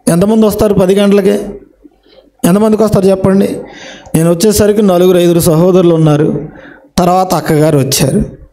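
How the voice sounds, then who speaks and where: A man's voice: high-pitched, fairly even intonation, a little fast, long pauses, warm tone. A middle-aged man from India preaching in church, questioning the congregation with rhetorical questions. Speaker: pastor. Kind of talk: Telugu sermon.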